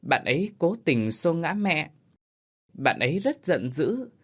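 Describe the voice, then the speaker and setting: A man's voice: big pitch swings, slow pace, fairly bright tone, husky, heavily acted. A man doing a tearful little girl. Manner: high pleading childlike voice.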